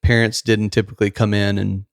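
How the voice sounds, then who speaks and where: A man's voice: fairly low pitch, flat delivery, a little fast, creaky, dry recording, studio quality. A man in his thirties speaking sincerely on a podcast, sharing plain sayings from his own life. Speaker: podcast host. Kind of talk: casual podcast conversation.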